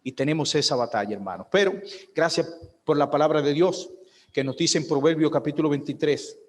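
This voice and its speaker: A man's voice: a little high, a little fast. A male pastor preaching a sermon, asking questions of the congregation and acting out the voices of a baby and its mother. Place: church hall. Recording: long hall reverb.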